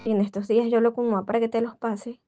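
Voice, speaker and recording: A woman's voice: on the high side, level tone, rapid-fire, warm tone, lo-fi sound. A woman leaving a casual voice message, anxious and stressed, rambling and pleading with many restarts. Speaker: person leaving a voice message to a friend.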